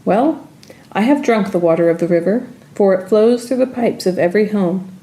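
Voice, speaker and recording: A woman reading her own personal essay in a calm, reflective manner. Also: mid-range voice, moderate pace. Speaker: writer reading her story.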